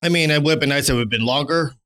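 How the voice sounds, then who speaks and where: A man in his thirties co-hosts a podcast in casual chat. His voice is smooth and resonant. He rambles with lots of restarts and drops the odd swear word. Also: a little high, very fast, a bit bright. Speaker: podcast co-host.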